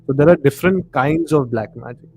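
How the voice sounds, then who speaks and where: Fairly high and fairly quick, his husky, darkish voice carries over faint background music. He's a live show host with an Indian accent, chatting casually about horror and conspiracy, explaining in a conversational way and frequently saying "you know," all on noisy live stream audio.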